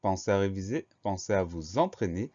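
A man's voice: deep voice, lively intonation, brisk, mellow, muffled recording. A man teaching a spelling lesson, patiently spelling out each word letter by letter.

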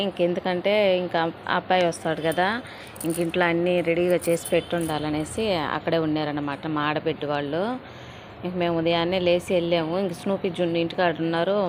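A middle-aged woman from Andhra Pradesh narrating her family vlog in a chatty way, stringing sentences together with constant filler words. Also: lowish voice. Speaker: family vlogger. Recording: noisy background.

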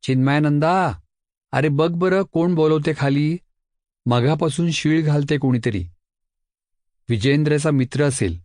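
A man's voice: fairly high pitch, a little slow, long pauses, a little mellow, dry recording, clean studio sound, close to an everyday voice. Brief: man voicing a cranky storybook granny, grumbling. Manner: grumbling, calls out. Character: grumbling old grandmother, fussy and sharp-tongued.

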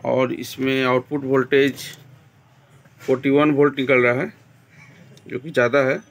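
Gravelly Bihari man explaining a TV repair. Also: mid-range voice, flat delivery, measured pace. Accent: Bihari Hindi. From India. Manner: plain, step-by-step explaining, addresses viewers as friends. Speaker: TV repair technician. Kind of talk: repair tutorial narration.

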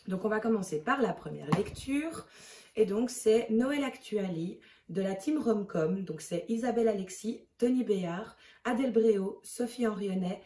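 A woman's voice: medium pitch, animated, normal speed, mellow, slight background noise. A woman chatting hesitantly as a book vlogger, reviewing her month's reading and checking her notes as she goes. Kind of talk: casual book review chat. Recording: roomy echo, mic at a distance.

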